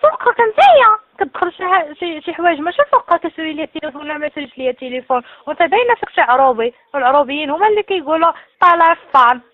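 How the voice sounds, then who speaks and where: A Moroccan woman talking over a landline phone, brisk and scolding, quick to lose patience. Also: high-pitched, sing-song, no room sound. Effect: heard over a landline phone. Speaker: phone call recipient. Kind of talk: casual phone call. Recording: tinny dry phone line.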